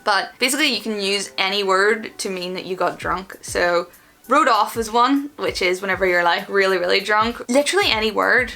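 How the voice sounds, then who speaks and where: A woman's voice: mid-range voice, normal speed, pushed and bright, faint music behind. A woman with a Northern Irish accent, chatting informally as she explains things to viewers and acts out little example exchanges. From Northern Ireland. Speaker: host of an online video channel. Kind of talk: casual, chatty explainer of slang.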